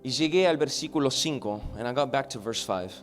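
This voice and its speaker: A pastor preaching a sermon, saying each line in both English and Spanish, sometimes stumbling and repeating words. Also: male voice, medium pitch, expressive, soft background music. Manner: preaching loudly in the opening, then quiet and halting as he tells a personal story; hesitant, repeats words as he searches for them.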